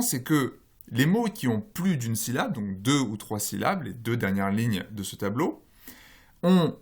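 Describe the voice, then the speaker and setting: A man's voice: mid-range voice, breathy edge. A man giving a recorded university lecture, explaining slides one step at a time, with frequent "euh" fillers, self-corrections and questions he then answers himself. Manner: explanatory, walks through slides and tables step by step; poses and answers his own questions. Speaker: phonology lecturer.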